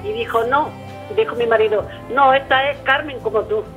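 A woman's voice: on the high side, normal speed, fairly bright tone. A woman calling in over a landline phone to a live psychic show, hesitant and answering in short repeated agreements. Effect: heard over a landline phone line. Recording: narrow tinny phone line with faint music.

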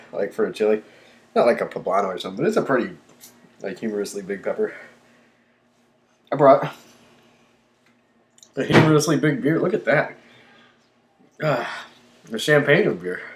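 A laid-back, medium-pitched man with a drawl vlogs casually and unscripted about tasting peppers, rambling with lots of ums and likes. He pants and sighs from the chili burn.

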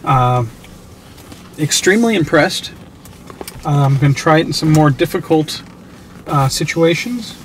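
A man hosting his own channel, narrating casually while driving, excited and chatty with lots of fillers, recorded inside a moving car on a mounted camera. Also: on the high side, unhurried, pauses often. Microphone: camera on a suction mount. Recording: noisy car interior. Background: car road noise.

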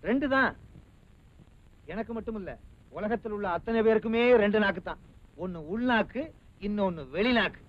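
A mocking, wisecracking employer in a film comedy. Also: male voice, high-pitched, normal speed, long pauses. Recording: dull lo-fi film audio.

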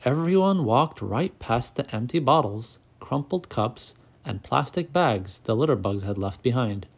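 A man narrating a children's picture book aloud, calm and clear, as the channel's storyteller. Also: mid-range voice, measured pace.

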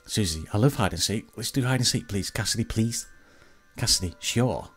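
A man reading an excitable little girl's lines, eager and bouncy, in close to his own low voice. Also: moderate pace, slightly rough, faint music behind. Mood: excited.

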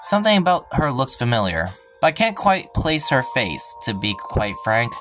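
A man's voice: medium pitch, very animated, moderate pace, music in the background. Man reading a visual novel aloud. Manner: stumbles and breaks off to add wry asides. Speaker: let's play host.

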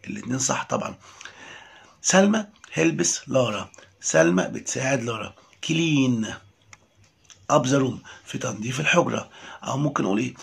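A man with an Egyptian Arabic accent teaching a recorded English lesson, repeating each word slowly before explaining it. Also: medium pitch, vocal fry, breathy edge.

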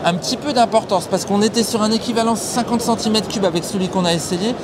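A man in his thirties interviewing a guest at a trade show, brisk and enthusiastic, with short interjections. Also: sits high. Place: busy indoor trade show hall. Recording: loud crowd noise of a trade show. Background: loud trade show crowd noise.

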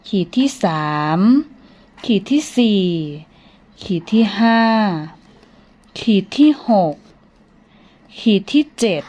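Slow-paced woman teacher talking to kids. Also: fairly high pitch, mellow. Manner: slow, patient, sing-song counting to young children; polite, coaxing teacher talk. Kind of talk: children's lesson, counting strokes aloud.

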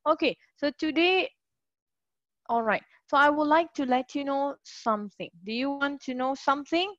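A woman's voice: high-pitched, moderate pace, fairly bright tone, dry recording, dull audio. A woman teaching a live online English class, cheerful and encouraging, praising her students over a computer mic.

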